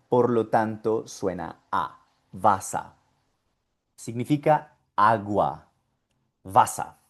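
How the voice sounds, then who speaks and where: Slow, lively-pitched male language teacher. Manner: slow, deliberate, repeats each word to model pronunciation. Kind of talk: online pronunciation lesson.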